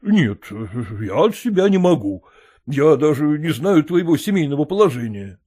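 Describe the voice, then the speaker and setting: A man voicing an educated gentleman who firmly and wearily refuses a request. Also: on the high side, very animated, moderate pace. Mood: refusing. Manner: refusing, exasperated. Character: educated gentleman, reluctant and firm.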